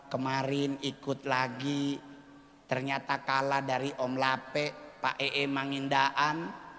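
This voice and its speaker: A man performing stand-up comedy on stage, telling stories with animated, exclaiming mock distress. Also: mid-range voice, slight background noise. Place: large hall with an audience. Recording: reverberant hall, faint ambience.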